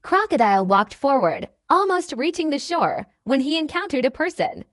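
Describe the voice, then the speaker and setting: A woman's voice: high-pitched, big pitch swings, moderate pace, no echo, clean studio sound. A woman telling an action story as scripted audiobook narration, in a dramatic storytelling manner.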